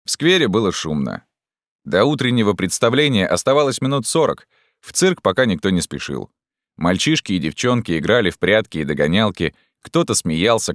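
A man narrating a story as an audiobook in an expressive way. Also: deep voice, no echo, clean studio sound. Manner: expressive, acting out voices.

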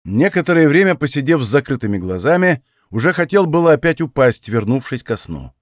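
A man narrating an audiobook in an expressive first-person storytelling voice. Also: medium pitch, a little fast, no room sound, studio quality. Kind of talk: scripted narration.

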